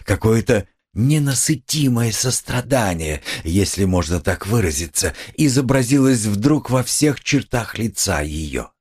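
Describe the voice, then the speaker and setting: A man narrating an audiobook in a measured, even reading. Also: on the low side, husky.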